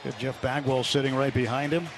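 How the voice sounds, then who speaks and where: Quick and level in tone, a medium-pitched male voice calls live baseball play-by-play as a radio broadcaster. The ballpark crowd is loud in the background, along with general stadium ambience.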